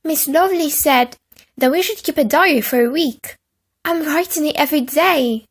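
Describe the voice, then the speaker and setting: A woman's voice: high-pitched, normal speed, voice pushed up, lightly acted. A woman voicing a prim, whining little boy who tattles to his mother, in a storybook reading. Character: whiny tattling little boy, goody-goody younger brother.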